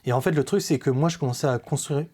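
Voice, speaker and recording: Male guest telling his own faith story; warm, low-lit tone, hesitant and sincere. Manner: halting, with many hesitations and restarts; earnest, confessional. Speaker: podcast guest giving a testimony. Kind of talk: personal faith testimony in conversation.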